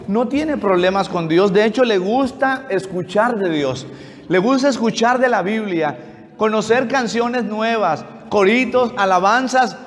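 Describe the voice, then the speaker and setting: A man's voice: high-pitched, long reverb tail. A man preaching a sermon as pastor, telling stories and acting out conversations with a neighbor. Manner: storytelling, acting out dialogue with a neighbor.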